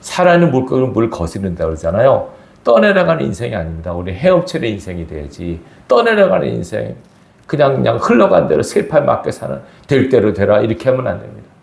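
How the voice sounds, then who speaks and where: A man's voice: mid-range voice, very animated, quick pace, creaky, reverberant. A man preaching a sermon as pastor, talking to the congregation in a conversational, emphatic way and asking rhetorical questions. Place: church sanctuary.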